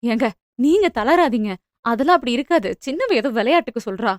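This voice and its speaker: A woman's voice: a little high, animated, brisk, dry recording, clean studio sound, natural voice. A woman voicing an anxious middle-aged mother who scolds her daughters in flustered bursts.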